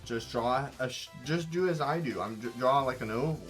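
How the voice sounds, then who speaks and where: A man's voice: medium pitch, normal speed, faint music behind. A man co-hosting a casual drawing tutorial, talking in a rambling, playful way and often correcting himself. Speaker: art show co-host.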